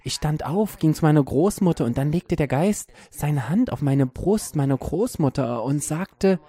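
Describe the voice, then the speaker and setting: Guy with a gravelly, dark voice, talking earnestly about a spirit he hears. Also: on the high side, expressive, a little slow. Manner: earnest, matter-of-fact about hearing a spirit. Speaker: medium. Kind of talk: personal storytelling talk.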